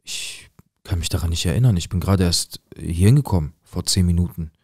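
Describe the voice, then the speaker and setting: Deep-voiced man telling a tense story. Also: fairly quick, darkish tone, no echo, clean studio sound. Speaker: storyteller recounting a viewer's story. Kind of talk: dramatic first-person storytelling.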